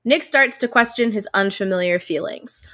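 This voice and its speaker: A woman's voice: mid-range voice, normal speed, pushed and bright. A woman co-hosting a podcast in casual, jokey chat, with a stuffy nose from a head cold. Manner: jokey, laughs often. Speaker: podcast co-host. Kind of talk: casual chat about a TV episode.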